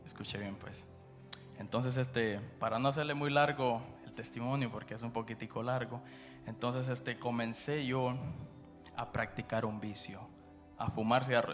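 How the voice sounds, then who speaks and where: A man from Guatemala with a Guatemalan Spanish accent, giving his church testimony in an unscripted storytelling way, full of fillers, his voice dropping low when he recounts dark moments. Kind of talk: personal testimony after prayer. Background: background music.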